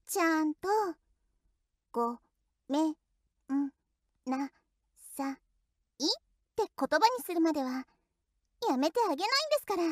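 A woman's voice: sits high, unhurried, pauses often, darkish tone, no echo, studio quality. A woman voicing a teasing, playfully cruel young female shrine maiden in an audio role-play drama, speaking politely in a sing-song tone.

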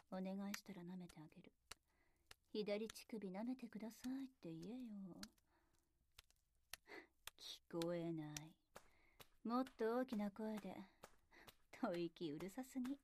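A woman's voice: mid-range voice, a little mellow, a little hiss or hum, natural voice. A woman playing a mocking, domineering wife in whispered role-play. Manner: mocking, commanding, whispering close. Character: teasing domineering adult woman, married.

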